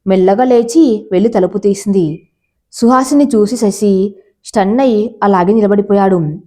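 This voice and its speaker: A woman storyteller narrating a romantic story in a steady, even way. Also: mid-range voice.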